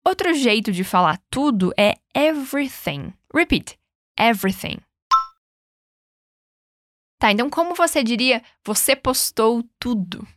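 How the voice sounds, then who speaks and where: Here a Brazilian English teacher and podcast host, her voice fairly high, runs repeat-after-me drills with big pitch swings. She pronounces every English word slowly, then prompts the listener to say it back, all captured close and dry without echo.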